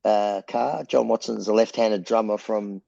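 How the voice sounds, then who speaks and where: A gravelly, low-voiced Australian man in middle age tells long, rambling stories and acts out the quotes. The sound is dry and slightly dull, like a remote call. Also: unhurried, no echo. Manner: rambling, animated anecdotes with acted-out quotes. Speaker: rock band frontman, interview guest. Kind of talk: casual storytelling.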